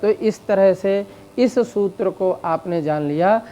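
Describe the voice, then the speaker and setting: A man from India lectures slowly on Sanskrit grammar in a high, mellow voice, lengthening vowels to illustrate them and often using fillers.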